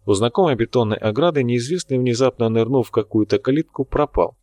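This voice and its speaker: A man's voice: medium pitch, a little fast, a little mellow, no echo. Man reading an audiobook in a dry room. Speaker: narrator. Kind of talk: audiobook narration.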